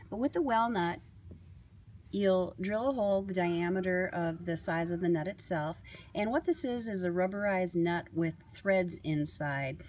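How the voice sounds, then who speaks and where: A woman walks through a hardware installation step by step, talking plainly as she works with her hands. Her voice sits at an ordinary middle pitch. It is picked up by a camera mic outdoors, with a faint hiss behind it. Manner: clear step-by-step explaining while working with tools. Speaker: product demonstrator. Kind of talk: instructional how-to demonstration.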